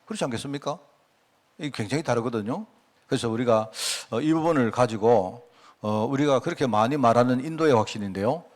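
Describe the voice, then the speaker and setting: Middle-aged Korean pastor preaching conversationally. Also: male voice, medium pitch, a little mellow. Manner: conversational, rhetorical questions, acts out quoted prayers. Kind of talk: sermon. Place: church sanctuary.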